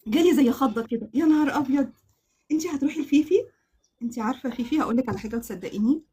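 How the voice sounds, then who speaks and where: A woman with an Egyptian Arabic accent hosting a crochet giveaway live stream, excitable and laughing often, repeating oaths as she chats. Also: high voice, racing, breathy edge. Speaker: crochet channel host.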